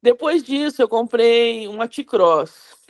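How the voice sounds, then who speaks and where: A woman's voice: on the high side, animated, slow pace. A Brazilian woman in her fifties, a class participant, telling a personal story in a rambling, self-correcting way over a video call. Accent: Brazilian Portuguese. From São Paulo, Brazil. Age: 50s.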